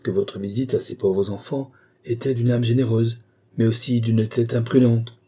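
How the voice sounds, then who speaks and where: A man voicing a frail, ailing old marquis in an audiobook, calm and measured. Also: mid-range voice, husky, close to an everyday voice. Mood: mild. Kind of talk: audiobook character voice.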